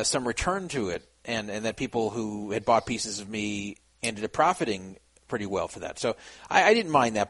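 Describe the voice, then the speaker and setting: Man, podcast host, casual chat, rambling, mid-pitched voice. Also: a bit bright, poor audio. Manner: rambling, many restarts and fillers.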